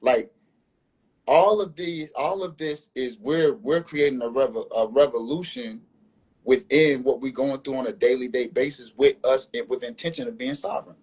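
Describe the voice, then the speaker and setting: A man's voice: medium pitch, normal speed, darkish tone, slightly rough, low-quality recording. A man speaking earnestly as a panel guest in a live online discussion, repeating and restarting phrases as he builds his point.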